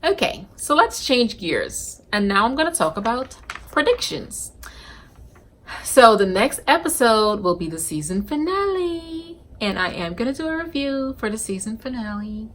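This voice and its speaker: A woman from Guyana talking casually to camera in an animated, sassy way, reviewing a reality TV show and giving her predictions. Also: on the high side, normal speed. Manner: animated and sassy, with bursts of laughter and scolding. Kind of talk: casual opinionated chat to camera.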